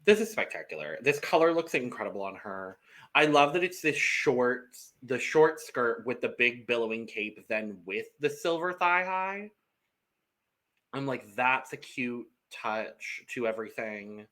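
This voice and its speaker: A man co-hosting a podcast in casual chat, animated and playful, jumping in with quips. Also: mid-range voice, unhurried. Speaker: podcast co-host.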